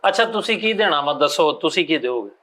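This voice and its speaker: A man co-hosts, eagerly firing off questions. His voice is high and bright. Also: animated, fast talker. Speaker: co-host. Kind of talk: comedic banter.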